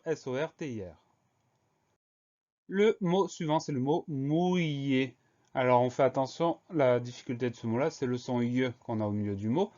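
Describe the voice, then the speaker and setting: A male teacher talks through a spelling lesson in a medium-pitched voice, steady and methodical, spelling each word letter by letter. The recording is slightly dull and lo-fi. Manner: slow, clear, methodical dictation.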